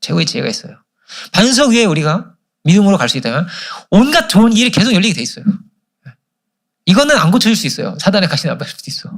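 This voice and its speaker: A man's voice: high-pitched, very animated, fast, vocal fry, a bit bright. A man preaching a sermon as pastor, asking the congregation questions and answering them himself. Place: church service.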